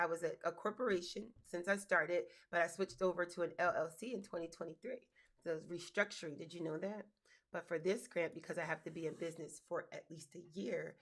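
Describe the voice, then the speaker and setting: A woman's voice: fairly low pitch, vocal fry. A woman with a scratchy voice, chatting casually to viewers while she walks through an online grant application. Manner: chatty, addresses viewers as y'all and guys. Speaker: business grants host. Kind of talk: casual screen-share walkthrough.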